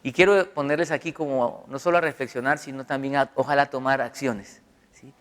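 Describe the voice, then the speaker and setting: A man's voice: mid-range voice, a little fast. A middle-aged man, a pastor, giving a sermon in a conversational, storytelling way. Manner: conversational, animated storytelling with acted quotes. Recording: long hall reverb.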